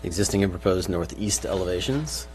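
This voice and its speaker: Low-voiced man giving a formal staff presentation. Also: a little fast, a little mellow, rough recording. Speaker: city planning staff presenter. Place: public meeting room. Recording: faint hiss and hum.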